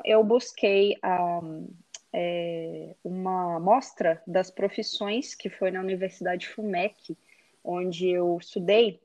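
A woman's voice: medium pitch, a little mellow. A woman in her thirties with a Minas Gerais Brazilian accent, a podcast guest chatting casually with many fillers and restarts. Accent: Brazilian Portuguese, Minas Gerais. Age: 30s. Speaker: guest, digital influencer. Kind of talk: casual interview chat.

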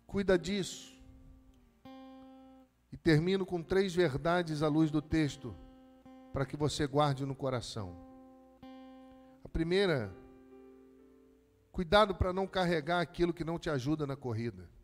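A man preaching as a pastor, his voice sitting a little high and swelling into fervent, repeated calls before dropping into conversational storytelling. Long reverb from the church hall trails his words. Quiet guitar plays underneath. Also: a little slow, long pauses. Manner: preaching with rising intensity and storytelling. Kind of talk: sermon.

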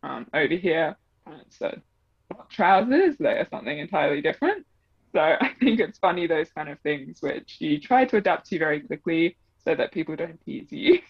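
This interview guest, a young double bass player whose accent mixes Australian and English, chats casually with plenty of fillers and laughter. Her low voice has a sing-song lilt and a breathy edge, and she keeps a moderate pace. There's no echo, and the audio is dull, dry and a little muffled.

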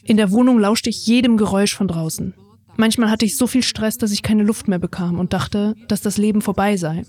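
A woman in her twenties from Ukraine, calmly reading her own first-person story in a reflective voice. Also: medium pitch, brisk. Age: 20s. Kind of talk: read first-person testimony.

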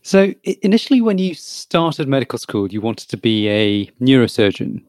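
A man hosting a podcast, introducing his guest and asking earnest, measured questions. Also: medium pitch, darkish tone, dry recording. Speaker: podcast host.

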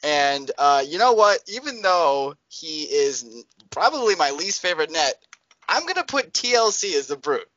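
A man co-hosting a casual podcast chat, animated and acting out shouted movie-style lines. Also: on the high side, normal speed, no room sound. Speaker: podcast co-host. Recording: slightly dull podcast audio.

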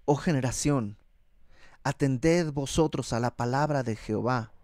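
A man's voice: medium pitch, a little slow, darkish tone, dry recording, studio quality. A man preaching a sermon in a conversational way, acting out the voices of people as he teaches.

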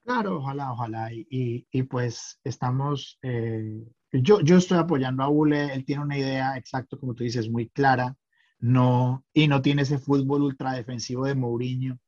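A man's voice: medium pitch, moderate pace, a little mellow, lo-fi sound. A middle-aged man chatting as a podcast guest, hesitant, with many fillers and restarts. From Colombia. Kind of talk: casual chat.

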